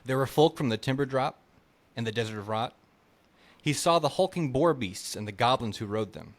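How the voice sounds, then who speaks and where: A man's voice: medium pitch, animated, normal speed. A male author reading his fantasy novel aloud, then answering questions hesitantly with many fillers. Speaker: author, guest. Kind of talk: book reading and interview.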